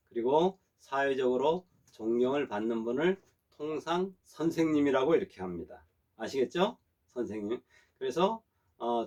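A man performing a middle-aged language teacher giving a classroom lesson. His pitch sits in an ordinary middle range, and he talks with patient, repetitive care. He keeps checking that students understand and draws out model sentences slowly for them to copy. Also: darkish tone.

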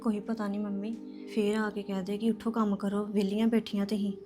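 An actress playing an anxious young daughter who frets and pleads. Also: female voice, mid-range voice, little pitch movement, fairly quick, over music, close to an everyday voice. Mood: worried. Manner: fretful, pleading. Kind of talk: web drama acting.

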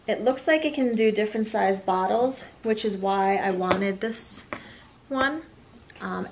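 Bright-voiced young woman chatting casually. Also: mid-range voice, a little hiss or hum. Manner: chatty, listing items with fillers and asides. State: a little out of breath. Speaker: expectant mother vlogger. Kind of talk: casual product haul vlog.

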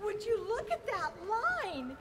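A bubbly young coffee buff who squeals and exclaims, as a woman from a chorus plays her on stage. Her very high voice leaps around, slow and drawn out. A long hall echo and stage noise sit behind her. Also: heavily acted. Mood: excited. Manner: excitable, bouncy, exclaiming. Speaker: skit performer in a women's chorus. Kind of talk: stage comedy skit. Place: large auditorium stage. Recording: echoing hall, live stage.

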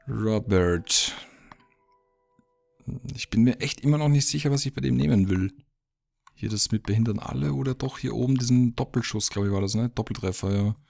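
A man's voice: mid-range voice, creaky, a little mellow. A man giving casual gameplay commentary, thinking aloud and muttering his reactions as he plays. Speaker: let's play gamer.

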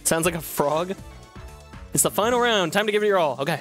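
A man's voice: sits high, brisk, faint music behind. A man streaming a video game live, swearing often and breaking into yelps and laughter as he talks to his viewers. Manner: profane, excitable, bursts into yelps and laughs. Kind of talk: live gaming stream commentary.

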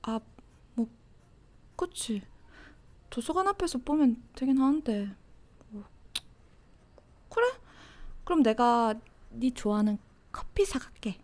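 A woman voicing a cocky, teasing teenage girl classmate in a Gyeongsang dialect, in a whispered role-play with a soft, close-mic delivery. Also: fairly high pitch, animated, slow pace, long pauses. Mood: playful. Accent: Gyeongsang Korean dialect. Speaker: voice actor.

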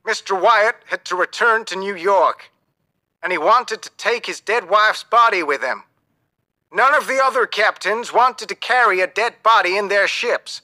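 A man's voice: high voice, unhurried, sharp tone, pitched above the performer's own voice, full character voice. A man voicing a commanding, grave ship captain with an emphatic delivery in an audiobook story. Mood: grave, explaining. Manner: emphatic, short urgent orders. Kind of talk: audiobook character dialogue.

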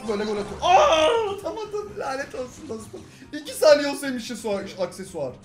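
A young man with a Turkish accent giving excitable live gameplay commentary, talking to teammates and viewers with sudden loud outbursts. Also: sits high. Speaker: gaming YouTuber. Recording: roomy sound with game music behind.

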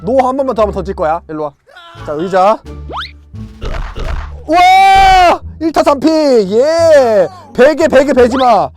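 A VR game YouTuber giving excited gameplay commentary, loud and playful, yelling at the characters in the game. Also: high voice, slow pace, pauses often, soft background music.

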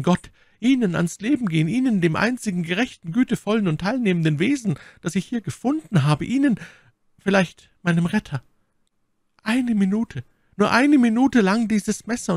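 A man's voice: sits high, animated, moderate pace, darkish tone, dry recording, clean studio sound, voice pushed up. A man reading an audiobook, voicing a desperate, scheming young noblewoman prisoner who pleads fervently and theatrically. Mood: pleading.

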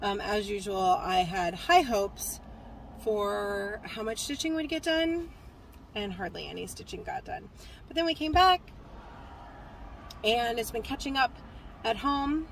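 A cross-stitch vlogger in her forties chats casually from a parked car into a phone camera held at arm's length, rambling with plenty of fillers and restarts. Her voice is a little high and gravelly, a little slow, with long pauses. The rough recording has a faint hiss or hum.

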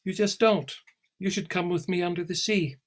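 A man's voice: sits high, steady tone, normal speed, voice pushed up, natural voice. A man doing a bossy, contrary mermaid girl. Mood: haughty.

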